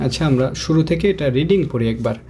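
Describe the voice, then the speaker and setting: A man teaching Quran recitation, slowly spelling out and chanting Arabic syllables between quicker spoken explanations. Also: medium pitch, expressive, warm tone, slight background noise.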